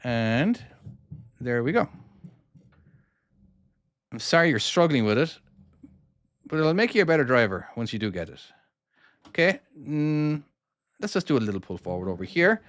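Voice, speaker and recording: This mid-range male voice has big pitch swings and a normal speed, punctuated by long pauses, with no echo in the recording. The speaker is from Cork, Ireland, and in an Irish accent he casually narrates his own trucking gameplay live, working through each maneuver and answering viewers' chat questions.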